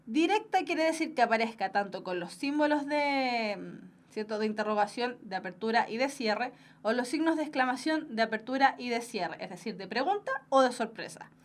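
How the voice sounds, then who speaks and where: A woman's voice: a little high, lively intonation, normal speed. A young woman with a Chilean Spanish accent teaching an online exam-prep grammar class, explaining step by step and checking in with her students. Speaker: language teacher.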